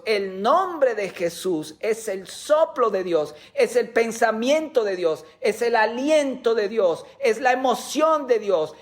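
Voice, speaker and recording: A man preaching a sermon as a pastor, teaching with rhetorical questions and sometimes repeating words as he goes. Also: very high-pitched.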